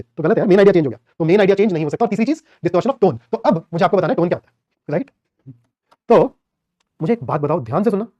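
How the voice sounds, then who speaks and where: A man teaching an online class in a lively, conversational way, acting out little dialogues to make his points. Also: high-pitched, no room sound, lo-fi sound.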